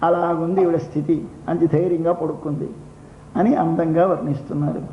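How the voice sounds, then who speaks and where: An older man delivers a devotional discourse in a high, light voice. He repeats phrases as he explains each line. The recording is roomy and dull, with a faint hiss behind him. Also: steady tone. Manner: expounds slowly, repeats phrases, chants verses in song. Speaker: religious discourse speaker.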